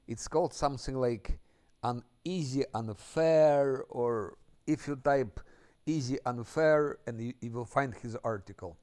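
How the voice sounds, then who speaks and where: Slow-talking male streamer chatting casually. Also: medium pitch, a little mellow. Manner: unhurried, thinking aloud, chuckles often. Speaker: game streamer. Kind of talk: casual live-stream chat while playing.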